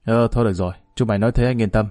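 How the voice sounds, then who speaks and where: A man's voice: lowish voice, steady tone, rapid-fire, darkish tone, no room sound, clean studio sound, natural voice. A man voicing a curt, commanding male boss giving orders in a spoken story.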